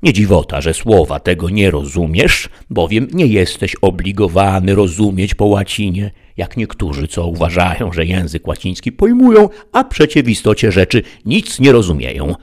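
A man's voice: sits low, big pitch swings, normal speed, hardly any pauses. A man voicing a pompous, learned old knight in an audiobook, with a grandiloquent, lecturing manner. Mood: lofty. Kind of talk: audiobook character reading.

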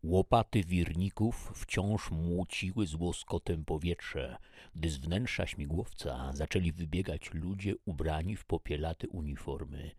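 A man narrates an audiobook in a measured, steady storytelling manner. His voice sits extremely low and has a husky grain. The recording is close and dry, without any room echo.

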